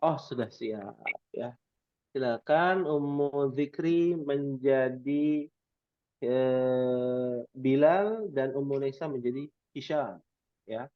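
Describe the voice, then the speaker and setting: A man teaching an Arabic class over a video call, giving encouraging feedback with drawn-out affirmations. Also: mid-range voice, dry recording, highs cut off.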